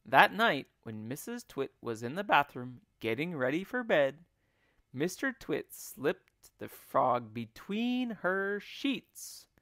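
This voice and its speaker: A male English teacher reads a children's story aloud at a slow, careful pace. His pitch rises and falls in wide, lively swings. The voice is dry and close to the mic. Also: dry recording. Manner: expressive, deliberate reading.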